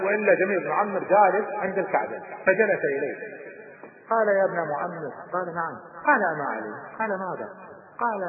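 Dramatic preacher man over a tinny line. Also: fairly high pitch. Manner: dramatic, voices rise to shouts at climaxes. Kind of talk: sermon storytelling. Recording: phone-line sound, reverberant hall, noise.

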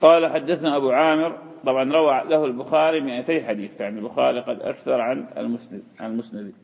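Fast, gravelly-voiced man lecturing. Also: medium pitch, steady tone. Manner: explains terms, repeats key words. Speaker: hadith teacher. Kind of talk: classroom lecture. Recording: dull lo-fi hall recording.

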